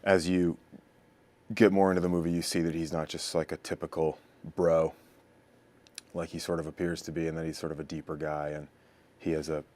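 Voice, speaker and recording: An actor with an extremely deep voice and a level, unvaried delivery. He speaks haltingly in an interview, with restarts and fillers as he works out how to describe his role. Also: little pitch movement, darkish tone. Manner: halting, searching for words. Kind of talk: interview talk about a character.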